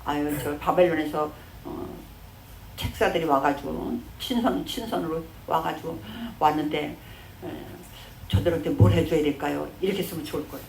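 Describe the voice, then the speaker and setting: A woman's voice: sits low, moderate pace, a little mellow, recorded from a distance, a little hiss or hum. Chatty woman pastor preaching in echoey church. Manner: conversational storytelling, acting out quoted speech. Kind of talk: sermon.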